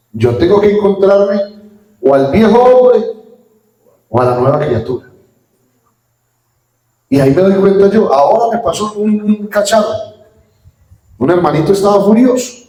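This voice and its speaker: A man preaching a Pentecostal sermon as pastor, quoting scripture with sudden rises and drops in loudness. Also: sits high, expressive, a little slow, long pauses. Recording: echoey room from far off.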